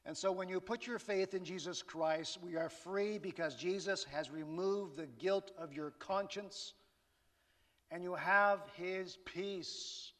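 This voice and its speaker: A man delivers a sermon with an easy, conversational tone, dropping rhetorical questions to his listeners. He speaks at an unhurried pace. His voice rings out with a long echo, as if in a large church sanctuary. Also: sits high, fairly bright tone. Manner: conversational preaching with rhetorical asides. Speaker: pastor. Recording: reverberant hall.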